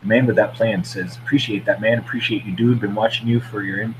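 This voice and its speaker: Chatty low-voiced man in his forties. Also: fairly even intonation, quick pace, highs cut off, noisy background. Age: 40s. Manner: chatty, reads out viewer comments. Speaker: host. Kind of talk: casual live-stream chat.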